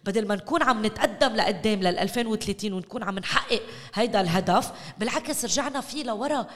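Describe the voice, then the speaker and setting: A woman with a Lebanese Arabic accent talks quickly in an interview discussion. She stresses her points by repeating words. The recording carries the long reverb of a hall. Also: medium pitch. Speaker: interview guest, local development expert. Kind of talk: animated discussion.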